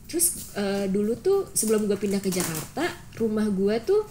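A young woman co-hosting a podcast, telling stories in an animated, expressive way with casual slang. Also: mid-range voice, normal speed, background noise. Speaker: podcast co-host. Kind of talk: casual storytelling chat.

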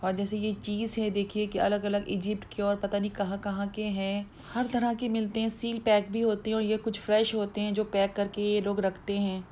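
A woman's voice: medium pitch, flat delivery, normal speed, hardly any pauses, background noise. A woman vlogger chatting casually as she walks viewers through a supermarket, explaining what is on the shelves. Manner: chatty, explanatory tour guiding. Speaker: food vlogger. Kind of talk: casual shopping vlog voice-over.

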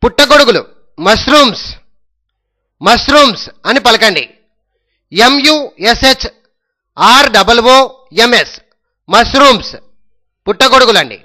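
A man's voice: extremely high pitch, animated, takes it slowly, pauses often, sharp tone. A man with a Telugu accent teaching English vocabulary, spelling each word letter by letter and repeating it several times. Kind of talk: slow spelling lesson in Telugu.

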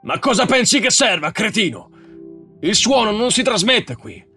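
A man voicing a sharp-tongued, impatient male astronaut engineer, urgent and snappish in an audiobook reading. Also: high voice, expressive, brisk, breathy edge, faint music behind, pitched above the performer's own voice, heavily acted. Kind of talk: audiobook character voice.

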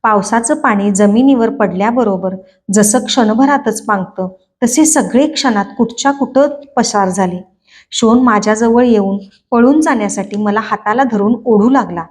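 A woman hosting a book reading channel, narrating a novel in a clear, expressive storytelling manner. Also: a little high, normal speed. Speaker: book reader.

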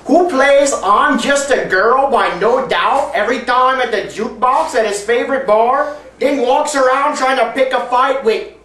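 A man's voice: very high voice, normal speed, sharp tone. A young man telling comedy jokes in a brash, exaggerated call-and-response style. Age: young adult. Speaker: comedy sketch performer. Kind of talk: shouted call-and-response joke delivery. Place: bare indoor room, standing group. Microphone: camera mic a few metres away. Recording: roomy, distant camera audio with noise.

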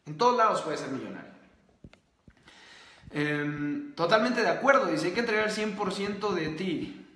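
A man's voice: high voice, pushed and bright. A young man hosting a live stream, giving emphatic motivational talk and asking rhetorical questions. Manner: emphatic, preachy, repeats points and asks rhetorical questions. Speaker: host. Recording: roomy echo.

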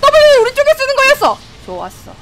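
A woman streaming a game live, excitable, often shouting and laughing and answering her chat. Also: extremely high pitch, a little fast. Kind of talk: live gameplay commentary. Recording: game music playing clearly behind. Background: game music.

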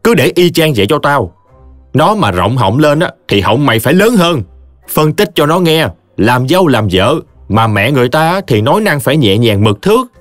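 A man's voice: mid-range voice, sing-song, normal speed, dry recording, soft background music, pitched above the performer's own voice, natural voice. A man voicing a stern male village teacher who lectures his friend scornfully. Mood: lecturing.

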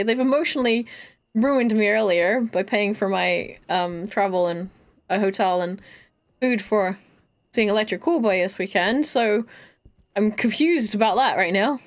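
A chatty woman with a fairly high voice talks to her viewers while she plays, close to her mic. She giggles a lot and keeps the talk loose and casual. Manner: giggly, chatty, often laughing. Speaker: streamer. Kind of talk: casual live-stream chat while gaming.

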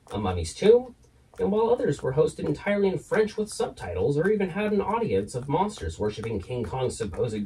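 A man's voice: mid-range voice, darkish tone, distant mic, slight background noise, rough recording. A man narrating a scripted documentary in the manner of a horror host, wry and theatrical. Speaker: horror host puppet presenter.

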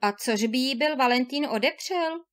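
Expressive woman reading a fairy tale. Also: high voice. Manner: measured, expressive storytelling. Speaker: audiobook reader.

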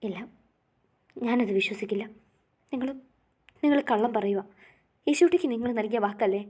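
A woman's voice: fairly high pitch, normal speed, warm tone, close to an everyday voice. A woman voicing a tearful, pleading young bride-to-be in a storybook reading. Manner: pleading, distraught. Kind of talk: storybook narration.

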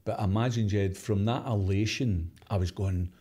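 A Glaswegian man in his sixties tells his stories with a fairly low, mellow voice. He is animated and acts out what others said. He breaks into laughs often. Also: moderate pace, slightly rough. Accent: Glaswegian Scottish. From Glasgow, Scotland. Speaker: interview guest, former footballer. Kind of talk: casual storytelling interview.

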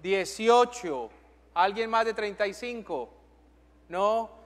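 A priest with a high, light voice addresses his congregation in a large church sanctuary. He moves between formal prayers and brisk, friendly announcements and blessings. Long reverb trails every phrase. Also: animated. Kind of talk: leading Mass and giving announcements. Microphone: far camera.

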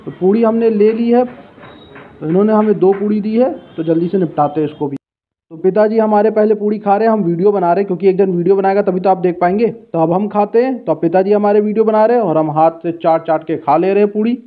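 Guy vlogging food, fairly high voice, tinny phone-line sound. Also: brisk. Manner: chatty, guiding the viewer along. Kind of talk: casual walking food-vlog narration. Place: outdoor street and busy food shop. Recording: tinny phone-like street recording.

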